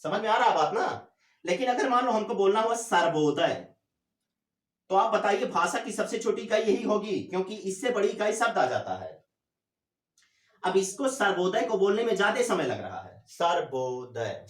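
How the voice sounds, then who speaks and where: A male teacher giving a classroom lecture, asking questions and answering them himself, drawing out words slowly to demonstrate. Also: sits high, expressive, distant mic. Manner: drawls syllables slowly to demonstrate. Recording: echoey room.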